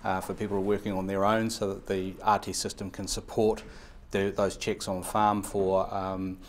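This interview features a low-pitched, flat-sounding New Zealand man in his fifties who supplies radio equipment. Recorded on a lapel mic in an indoor showroom, he answers fast and at length, running on with many fillers and restarts.

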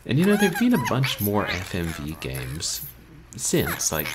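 Slightly slow and low-voiced, with huge swings in pitch, a man in his thirties talks casually to his livestream viewers. He is a video game streamer broadcasting from a small bedroom over a noisy webcam setup, and his humor is wry and self-deprecating, his phrasing wordy.

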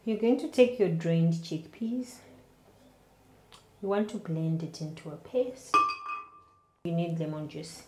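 Woman, 30s, cooking host; slow, steady instructional delivery, roomy kitchen sound. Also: on the low side, a little hiss or hum. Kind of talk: cooking demonstration to camera. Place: home kitchen, indoors.

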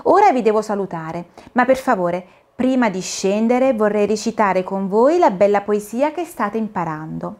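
Brief: a woman doing a sweet, wide-eyed little girl in a storybook, pitched high and eager. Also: big pitch swings, normal speed. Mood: grateful. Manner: eager and wondering.

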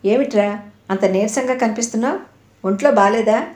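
A woman's voice: fairly high pitch, brisk, a little mellow, close to an everyday voice. A woman voicing an older mother who asks caring, curious questions. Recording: roomy echo.

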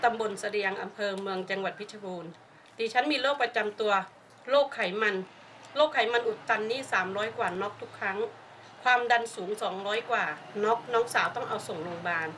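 An older woman giving a spoken testimonial, telling her story in an animated way and acting out the voices of the people in it. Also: medium pitch, a little fast. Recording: distant mic with faint background noise.

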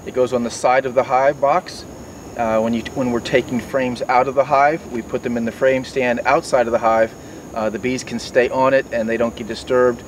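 A man's voice: medium pitch, steady tone, normal speed. Middle-aged man explaining beekeeping tools outdoors. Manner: explanatory, frequent fillers and restarts. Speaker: beekeeping mentor. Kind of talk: outdoor demonstration. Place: outdoors by garden foliage. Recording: distant mic, outdoor noise.

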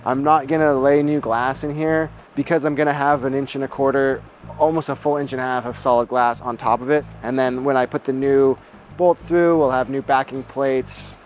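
A man in his forties calmly explaining each step of a repair job while he works in a boat shed. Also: medium pitch, normal speed, slight background noise. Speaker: boat restorer. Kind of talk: how-to narration while working. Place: boat shed with timber frame, indoors.

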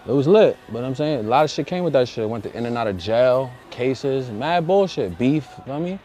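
A man's voice: mid-range voice, lively intonation, moderate pace, dark tone, a little hiss or hum. A young man, born in Brazil and raised in Harlem, talking about his past in street slang, often adding "you feel me". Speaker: rapper. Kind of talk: casual interview talk. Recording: faint music behind the voice.

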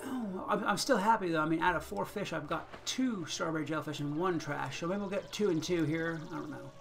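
A man's voice: a little high, fairly quick, gravelly, over music. A man giving casual, chatty commentary on his own gameplay, thinking aloud and chuckling often as he plays. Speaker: gaming channel host.

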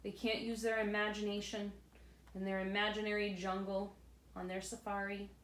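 A middle-aged woman reads a picture book to her young students and explains it, using a mid-range voice with little pitch movement at a moderate pace. She's in a room at home beside a glass door. A camera several feet away captures roomy echo and faint ambient noise.

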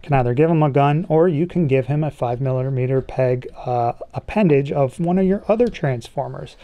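A man doing a relaxed, joking toy review, talking through each detail as he handles the figure at a table in a small studio. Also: medium pitch, brisk, muffled recording. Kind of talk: casual toy review chat.

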